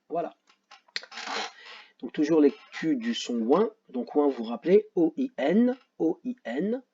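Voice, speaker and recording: A man's voice: a little high, warm tone, breathy edge, muffled recording. A man teaching young children phonics, patiently going through worksheet exercises and spelling out letters and sounds. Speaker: primary school teacher.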